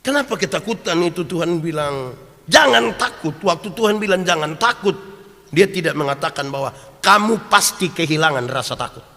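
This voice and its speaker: Man, pastor, sermon, lively storytelling, a bit high-pitched, long reverberant hall. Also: fairly quick. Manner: animated, switches between loud acted quotes and hushed asides; homely storytelling with humor and rhetorical questions.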